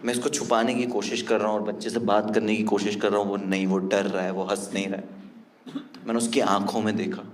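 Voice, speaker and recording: A male stand-up comedian telling a story on stage, animated, swinging from loud punchlines to quiet, somber stretches. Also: on the low side, fairly quick. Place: comedy stage before a laughing audience. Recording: echoey live venue with faint ambience.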